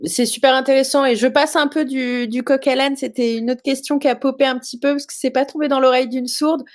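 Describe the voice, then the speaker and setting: Woman, interview host, high voice, long rambling questions, casual. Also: steady tone, a little fast.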